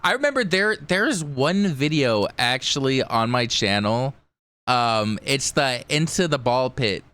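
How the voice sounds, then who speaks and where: A man hosts a casual streaming podcast with a smooth, clear voice of medium pitch. He rambles along loosely and drops "like" into his sentences often. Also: expressive, measured pace, sharp tone. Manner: rambling, peppered with "like". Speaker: podcast host and VTuber streamer. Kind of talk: casual chat.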